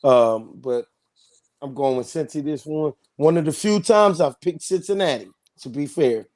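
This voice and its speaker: A man's voice: a little high, measured pace, a little mellow. A man the others call Coach, giving his pick in a casual sports chat in an easygoing, joking way. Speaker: podcast co-host called Coach.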